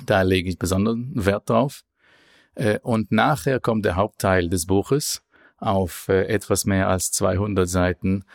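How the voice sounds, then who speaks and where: Slow-speaking man, dry sound. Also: lowish voice, no echo. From Israel. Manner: slow, deliberate explanations. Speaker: author guest. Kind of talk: interview answers.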